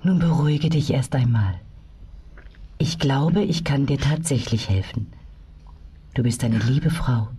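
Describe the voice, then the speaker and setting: A kindly fairy acted by a woman speaks very low and slowly, with a breathy hush. She is warm and soothing, as in a storybook, and sits a little away from the mic. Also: distant mic, full character voice. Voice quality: breathy, hushed. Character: kindly, soothing old-world fairy helper, female.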